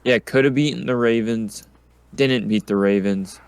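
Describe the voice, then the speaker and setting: A man's voice: medium pitch, normal speed, smooth, no echo. A man hosting a casual sports predictions chat in an easygoing, laid-back way. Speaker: podcast host.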